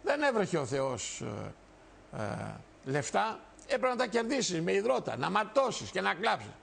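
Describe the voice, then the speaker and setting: A man's voice: high voice, sing-song, vocal fry, fairly bright tone, husky. A man in his sixties, a TV host and party leader, gives an impassioned, emphatic monologue straight to the viewers, with much repetition. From Greece.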